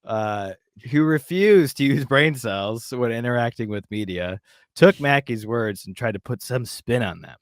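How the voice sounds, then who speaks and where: Animated sarcastic man hosting a podcast. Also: mid-range voice, measured pace, no echo, clean studio sound. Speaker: podcast host. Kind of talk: casual chat, reading articles aloud.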